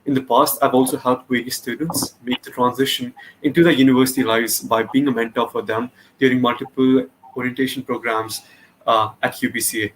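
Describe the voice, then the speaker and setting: A man's voice: medium pitch, fairly bright tone, a little hiss or hum, rough recording. A young man giving a fluent, formal self-introduction as a student panelist. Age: young adult.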